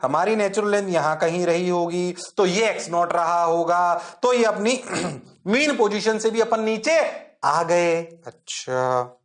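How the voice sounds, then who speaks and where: A man teaching physics in a lively, jokey way, constantly checking that the class is following and sometimes answering his own questions in a low student voice. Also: slow. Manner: jokey and self-mocking. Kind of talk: online exam-prep lecture.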